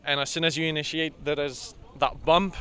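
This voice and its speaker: Bright-voiced man from Poland. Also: fairly high pitch, normal speed, clear, resonant tone. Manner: relaxed, hesitant, many "uh"s. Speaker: drift driver. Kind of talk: casual interview answers. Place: outdoors at a drift event.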